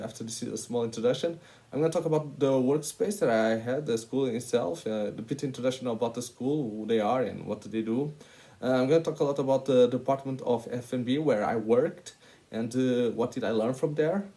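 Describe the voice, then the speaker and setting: A man's voice: mid-range voice, dark tone. A man in his twenties from Portugal with a Portuguese accent, giving a hesitant presentation full of filler sounds. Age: 20s. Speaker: hospitality master's student. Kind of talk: presentation to camera.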